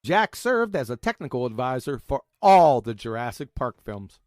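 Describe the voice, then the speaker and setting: A man's voice: medium pitch, big pitch swings, moderate pace, darkish tone, no echo, clean studio sound. A man giving mocking commentary on clips in a smug, sarcastic manner. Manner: smug, sarcastic mockery with name-calling. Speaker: video commentator.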